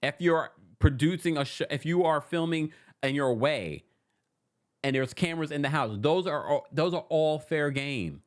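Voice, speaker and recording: A man's voice: a little high, normal speed. A man hosting a live-stream recap, reading fan messages aloud and riffing in a sassy, laughing way. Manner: sassy, animated, laughs often. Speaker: recap show host.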